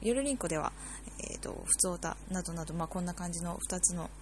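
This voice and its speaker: A woman's voice: on the low side, fast talker, noisy background. A woman hosting a casual solo podcast, rambling with many fillers and self-corrections. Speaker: podcast host.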